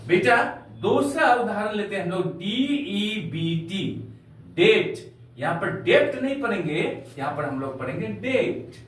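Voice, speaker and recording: A man with a high-pitched, animated voice teaches a classroom-style spoken English lesson in Hindi at a slightly slow pace. He spells words out letter by letter and calls his students dear children. He is recorded from a distance in a very echoey room.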